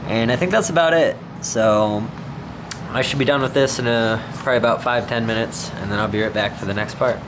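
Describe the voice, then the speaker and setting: Filming on a handheld camera mic in his indoor concrete basement gym, this vlogger speaks in a mid-range voice at a fairly quick clip. His narration is unscripted, informal and halting, as though he's working things out aloud, and there's noise in the background.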